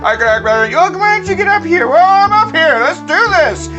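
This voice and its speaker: A man's voice: very high voice, sing-song, brisk, over music. A man voicing a goofy, whiny, dramatic sock puppet in a bickering comedy sketch, with a muffled puppet voice.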